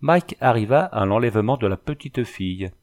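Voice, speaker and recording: A man reading a classic novel aloud as scripted narration, in a measured, even storytelling delivery. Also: on the low side. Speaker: audiobook reader.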